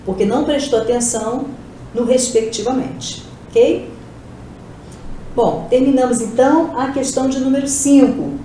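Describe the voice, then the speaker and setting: In an exam-prep video, a woman from Brazil who teaches Portuguese talks at a normal speed in a high, mellow voice. She breaks each exam question down step by step, asking things and supplying the answers on her own. Her recording carries heavy room echo and a faint hiss.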